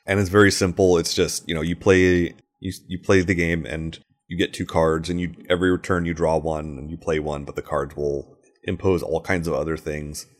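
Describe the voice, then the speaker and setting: Very deep-voiced man rambling casually. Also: little pitch movement. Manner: rambling, halting, many fillers and restarts. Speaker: board game designer. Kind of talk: casual monologue. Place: home recording with airplanes overhead.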